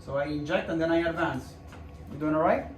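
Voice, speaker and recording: This man's voice is a little high and a little fast. A doctor doing a hand procedure, he reassures the patient and viewers in a casual way and repeats himself as he demonstrates. He's recorded in an indoor clinic room on a distant mic that catches echo and background noise.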